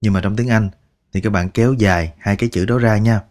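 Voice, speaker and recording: Male language teacher, low-pitched, unhurried pronunciation drills, patient and coaxing. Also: steady tone. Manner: repeats each word slowly, drawing out sounds; patient, coaxing, ends phrases with soft particles. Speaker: English teacher. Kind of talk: slow pronunciation lesson.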